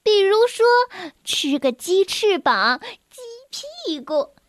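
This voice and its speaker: A cheeky young girl from a children's storybook, voiced by a woman. She talks in a sassy, mocking way, high and lively. The sound is dry and close. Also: takes it slowly, no echo, exaggerated voice.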